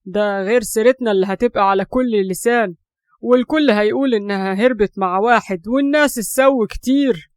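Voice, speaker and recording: Woman doing an egyptian family man, talks fast, very dry sound. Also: mid-range voice, no echo, lightly acted. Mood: pleading. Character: cautious older Egyptian man, head of family.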